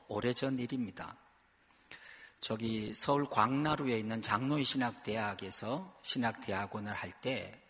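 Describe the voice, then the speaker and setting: A husky-voiced man in his fifties preaches a sermon, his pitch sitting a little high and leaping up and down as he tells stories. He acts out the dialogue. The sound carries a long reverb from a large church hall. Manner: storytelling, acting out dialogue with lively swings. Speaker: pastor.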